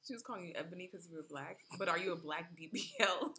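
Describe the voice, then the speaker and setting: A woman guest in a casual podcast chat, teasing and quick to laugh. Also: on the low side, pushed and bright.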